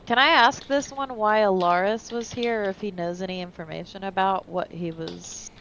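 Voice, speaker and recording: A woman's voice: medium pitch, fairly even intonation, normal speed, a bit bright, muffled recording, slight background noise. Curious woman at a tabletop game. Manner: curious, asks lots of questions. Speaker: player. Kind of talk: casual tabletop play.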